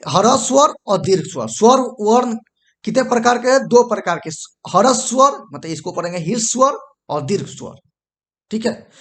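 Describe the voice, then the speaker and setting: A man's voice: sits high, expressive, fairly bright tone. A male teacher giving a whiteboard grammar lesson, repeating himself, checking in often and stopping to fix what he wrote. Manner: repetitive, checks in with "ठीक है"; pauses to correct and erase the board.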